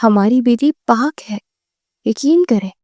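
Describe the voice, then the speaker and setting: A distressed middle-aged mother pleads for her daughter, as a woman reading the audiobook puts her on. There is bitterness in her mellow voice. It sounds close and dry. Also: fairly high pitch, dry recording, lightly acted. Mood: pleading.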